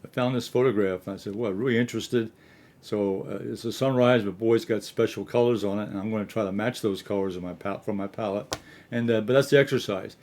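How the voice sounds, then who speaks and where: A man giving a casual watercolor painting tutorial in his studio, speaking haltingly and often repeating himself. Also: fairly low pitch, a little mellow, a little hiss or hum.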